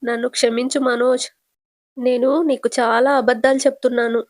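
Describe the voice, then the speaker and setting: A woman's voice: on the high side, little pitch movement, moderate pace, no echo, studio quality, lightly acted. A woman doing a remorseful young wife. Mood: tearful. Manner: tearful, confessional inner thoughts. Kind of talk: casual retelling of a TV serial.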